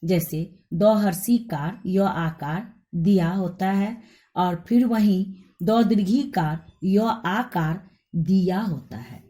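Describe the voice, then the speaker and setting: A woman's voice: lowish voice, dark tone. A woman teacher giving a Hindi grammar lesson, spelling out each letter and vowel sign one by one.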